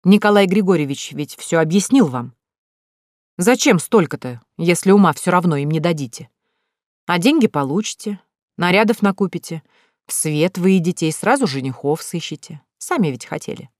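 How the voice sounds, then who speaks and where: A woman voicing a haughty, contemptuous middle-aged landowning lady who speaks in a sharp, scornful way. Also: lowish voice, lively intonation, normal speed, dry recording, clean studio sound, lightly acted. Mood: irritated.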